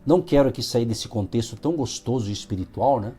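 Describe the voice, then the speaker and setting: A man's voice: mid-range voice, fast talker, mellow, slightly rough, soft background music. A man with a Brazilian Portuguese accent hosting a radio devotional, explaining Bible verses in a conversational way with frequent tag questions. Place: radio studio.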